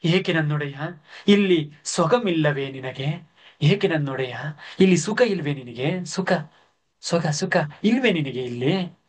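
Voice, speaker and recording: A man's voice: on the high side, expressive, unhurried, long pauses. A man voicing an old, faithful male charioteer who humbly pleads with his master, in a raised, strained voice. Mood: anxious.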